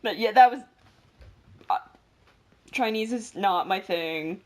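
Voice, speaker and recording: A teenage girl with a mid-range voice co-hosts a podcast, speaking slowly in casual chat. She rambles, corrects herself mid-sentence, and cracks jokes.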